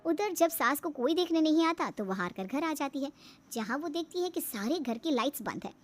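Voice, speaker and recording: A woman's voice: sits high, animated, normal speed. A woman narrating a cartoon story in a dramatic, storytelling manner.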